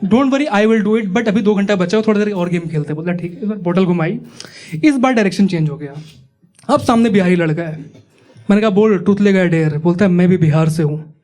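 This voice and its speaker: On a comedy club stage before a live audience, a young stand-up comedian from Uttar Pradesh, India, tells stories chattily, teases the crowd and acts out the characters. His voice sits high, brisk and a little mellow, with soft background music and audience laughter.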